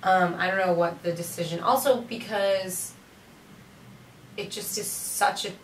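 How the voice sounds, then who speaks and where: A woman's voice: mid-range voice, fairly even intonation, unhurried, slight background noise. A young woman co-hosting a theater review in casual chat, wry and joking. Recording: roomy room sound from a distant mic.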